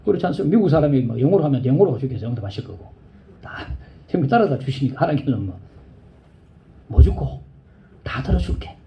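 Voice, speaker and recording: A male pastor preaching a sermon, telling a story in a low voice and rising to high, pleading cries. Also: big pitch swings, rapid-fire, highs cut off, a little hiss or hum.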